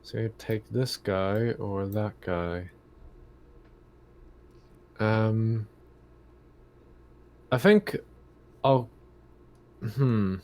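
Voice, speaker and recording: A man playing an online tabletop roleplaying game chats casually, his lowish, slightly mellow voice extremely slow and full of pauses. The voice call carries a faint background noise.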